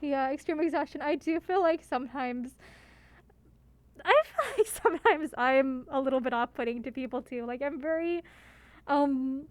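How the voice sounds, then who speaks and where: Woman game streamer, high voice, casual expressive commentary, rambling and giggly, dry close recording. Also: normal speed, no room sound. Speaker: livestreamer playing and voicing a game.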